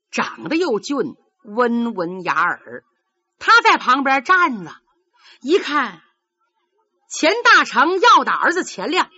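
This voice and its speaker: Lively woman storyteller, bright and high. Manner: lively, dramatic narration. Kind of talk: traditional storytelling performance. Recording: dull lo-fi recording.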